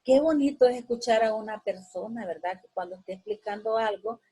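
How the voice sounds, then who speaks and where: Brisk and mellow yet husky, a woman's higher-pitched voice comes through a rough recording as she patiently teaches a lesson with everyday examples. Her sentences often end in a questioning tag, and hesitation fillers are frequent.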